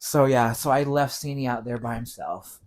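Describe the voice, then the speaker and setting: A middle-aged man, a podcast guest, telling a long story in a relaxed, rambling way with many fillers. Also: mid-range voice, normal speed. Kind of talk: casual storytelling.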